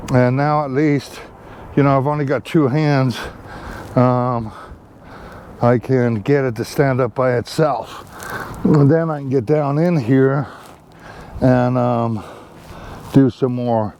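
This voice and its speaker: A man's voice: medium pitch, a little mellow, a little hiss or hum. A man giving a casual, rambling how-to while planting trees outdoors, with many fillers and asides to his viewers, recorded on a camera set down nearby. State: back tightening up, a bit strained. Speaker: tree planting vlogger. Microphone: camera mic, set down nearby.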